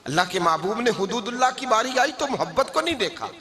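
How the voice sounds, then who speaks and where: A man preaching an impassioned sermon, swelling into shouts and a sing-song cadence. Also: very high voice, very animated, fast. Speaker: Islamic preacher. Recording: live gathering with audible crowd.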